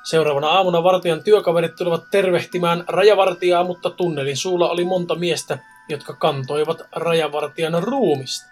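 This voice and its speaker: A man's voice: on the high side, fairly even intonation, faint music behind. A man co-hosting a casual podcast, reading stories and joking around with frequent swearing. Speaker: podcast co-host. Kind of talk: casual chat and story reading.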